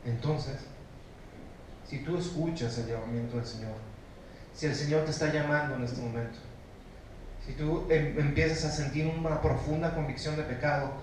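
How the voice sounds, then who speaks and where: A man with a Mexican Spanish accent preaching a sermon as pastor, emphatic, moving between loud exhortation and low, hushed stress while questioning his congregation. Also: normal speed, a little hiss or hum. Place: church sanctuary. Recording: very echoey church recorded from a distance.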